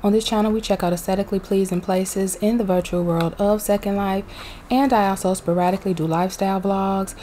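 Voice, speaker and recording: A young woman records a casual vlog voice-over at home on a desk mic, chatty and peppy with Southern US slang. Her medium-pitched voice is warm, fairly quick, and fairly even in intonation, with a little hiss or hum and a loud heater in the room.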